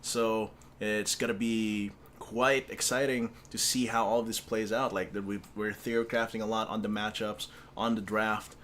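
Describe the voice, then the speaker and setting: A man's voice: on the low side, fairly bright tone, a little hiss or hum. A man doing esports play-by-play, with easy laughter and lots of hesitant fillers. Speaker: esports caster. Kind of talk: play-by-play commentary.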